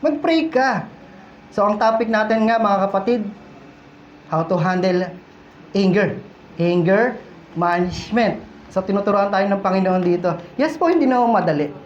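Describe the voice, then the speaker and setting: A man's voice: sits high, normal speed, pauses often. A man preaching a sermon in a conversational, playful way, often putting questions to the congregation. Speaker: pastor. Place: church hall. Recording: echoey church hall, dull sound, faint room noise.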